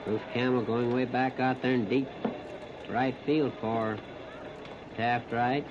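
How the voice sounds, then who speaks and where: Slow and steady in a mid-range voice, the American announcer gives radio play-by-play of a baseball game at an outdoor ballpark. His phrases are brief, folksy and plain, heard through a muffled, noisy 1930s broadcast.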